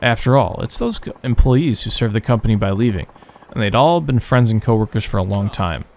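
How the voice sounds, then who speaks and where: A man with a nasal, phlegmy morning voice reading the lines of a calm, generous male lender in a game. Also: lowish voice, a little fast, vocal fry. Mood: assured.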